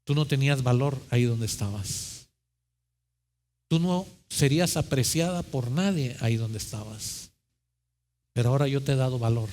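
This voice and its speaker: A man playing a patient, loving male potter who speaks slowly and gently. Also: lively intonation, close to an everyday voice. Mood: tender. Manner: slow, low and gentle.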